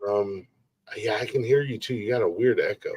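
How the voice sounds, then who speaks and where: A man's voice: lowish voice, moderate pace, a little mellow, breathy edge, no room sound. A man in his forties hosting a casual live-stream podcast, rambling, repeating himself and swearing freely. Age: 40s. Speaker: podcast host.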